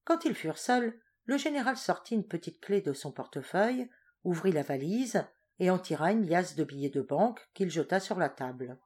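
Woman reading an audiobook, lowish voice, calm steady storytelling. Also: moderate pace, slightly rough. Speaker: audiobook reader. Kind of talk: audiobook narration of a novel.

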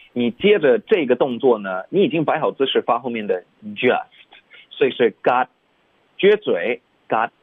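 A man teaching English pronunciation in Mandarin on the radio, slowly modeling English phrases again and again. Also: mid-range voice, slightly rough, dry recording. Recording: dry, phone-like narrow radio sound.

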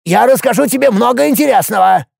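A man voicing a cowardly red-skinned dwarf lord with a creaky, squealing voice. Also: expressive, fast talker, darkish tone, dry recording, clean studio sound, heavily acted. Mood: desperate bargaining. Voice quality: creaky, shrill. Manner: squealing, wheedling bargainer.

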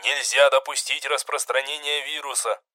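A narrator voicing a commander who gives a cold, categorical order over a radio channel. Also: male voice, medium pitch, fairly even intonation, normal speed, pushed and bright, no room sound. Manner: curt, categorical.

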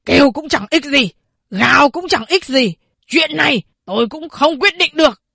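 An arrogant official barks orders and scolds with open contempt, as a woman narrator voices him. His voice sits high and breathy, pushed harder than plain talk, recorded dry and close. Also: lively intonation, normal speed, fairly bright tone, no room sound, full character voice. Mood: angry. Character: arrogant, bullying male government official.

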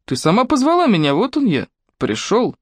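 A woman's voice: medium pitch, huge pitch swings, brisk, breathy edge, dry recording, voice pushed up. Woman narrator doing a creepy stepdad, sweet wheedling voice that turns nasty, dry close sound. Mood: menacing. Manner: wheedling, honeyed voice turning to threatening shouts. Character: abusive middle-aged stepfather, honeyed then menacing.

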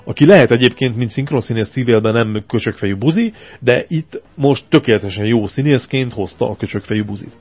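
A man's voice: medium pitch, few pauses, faint music behind. A man co-hosting a casual radio show, reviewing a film in a crude, sarcastic rant. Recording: compressed lo-fi radio archive.

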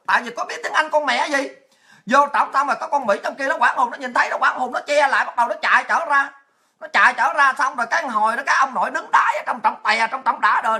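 A woman's voice: on the high side, bright, forceful tone. A woman, telling a crude, mocking story and ranting at her viewers in a monologue full of profanity.

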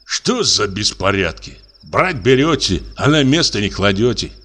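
A man's voice: lowish voice, sing-song, measured pace, bright, forceful tone, breathy edge, heavily acted. A man voicing a drowsy, grumbling assistant prosecutor who brushes off his wife's fears. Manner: drowsy, grumpy and dismissive. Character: sleepy, grumbling male assistant prosecutor, middle-aged.

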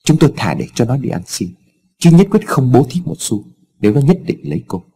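A man's voice: mid-range voice, sing-song, a little fast, creaky, warm tone, husky, exaggerated voice. A man voicing a stern, wealthy old father in a told story, speaking in harsh, clipped scolding tones.

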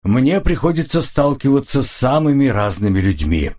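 A man voicing a cool, measured older colonel who questions calmly and dryly in an audiobook. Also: mid-range voice, pitched above the performer's own voice. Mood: probing. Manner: calm, dry, probing.

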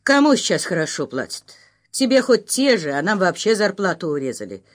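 A woman voicing a gruff, calm old male postal worker in an audiobook reading, talking in a commanding way. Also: lowish voice, fairly quick.

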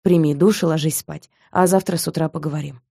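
A woman's voice: lowish voice, moderate pace, dark tone, no room sound, studio quality, lightly acted. A woman voicing a stern, domineering young man. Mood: flat. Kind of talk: audiobook reading.

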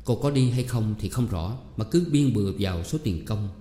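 A man reading a novel aloud as a steady narrator. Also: lowish voice, normal speed. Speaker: audiobook narrator. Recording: roomy hall echo, faint music.

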